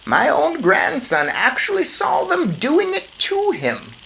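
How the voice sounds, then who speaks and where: A woman voicing a calm, firm old grandmother who speaks slowly and deliberately. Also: high-pitched, vocal fry, slight background noise, voice pushed up, full character voice, rough recording. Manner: slow and deliberate.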